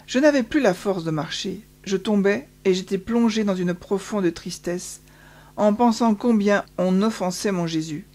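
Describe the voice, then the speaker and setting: Lectrice, récit autobiographique, ton recueilli et mesuré, voix médiane. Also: female voice, mid-range voice, a little slow, a little mellow. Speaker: audiobook reader. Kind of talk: first-person autobiography reading.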